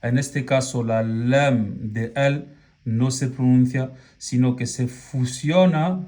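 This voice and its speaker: A male teacher giving a video lesson at an unhurried, deliberate pace. He draws out each example word and keeps pausing to check that the listener follows. His voice sits at an ordinary middle pitch. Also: dark tone. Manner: patient, drawn-out examples with frequent "¿ok?" check-ins. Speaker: Arabic teacher. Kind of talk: slow classroom explanation.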